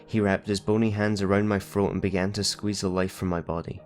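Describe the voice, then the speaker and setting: A man narrating a horror story in a steady, measured first-person reading. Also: sits low, faint music behind.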